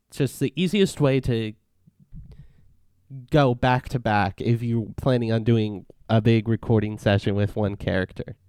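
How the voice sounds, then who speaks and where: A tutorial host walks through software step by step in a casual, relaxed and instructive manner. His lowish voice is smooth and resonant, and the recording is dry and close with no echo or room sound around it.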